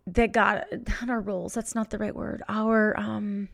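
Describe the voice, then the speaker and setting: A middle-aged woman hosting a podcast, telling a personal story in an emotional, halting way as she searches for words. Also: mid-range voice, flat delivery, vocal fry. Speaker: podcast host. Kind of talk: personal reflective monologue.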